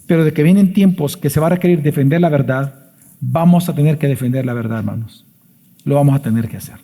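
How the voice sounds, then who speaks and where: A man's voice: fairly high pitch, fast talker, dark tone, a little hiss or hum. A man, a pastor preaching an emphatic sermon full of rhetorical questions in a church sanctuary. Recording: long church reverb.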